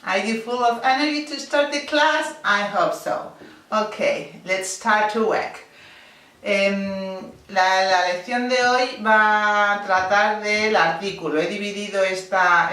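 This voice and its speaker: A woman's voice: medium pitch, fairly bright tone. Patient woman teacher in an echoey room. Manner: patient, explaining step by step with self-corrections. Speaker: English teacher. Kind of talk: classroom-style grammar lesson. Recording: very echoey room, voice from a distance off the mic.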